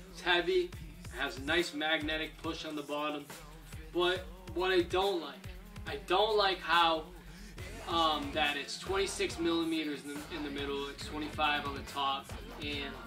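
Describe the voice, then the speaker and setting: A young man in a casual product review vlog, upbeat and often asking "right?", filmed indoors in a living room by a camera across the room. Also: a little high. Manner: upbeat, keeps adding "right?". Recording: distant mic with music under the voice.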